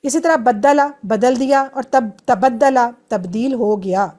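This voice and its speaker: A woman's voice: a little high, darkish tone. Patient woman teaching grammar online. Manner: patient, explains step by step, drills conjugations. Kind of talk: online class lesson.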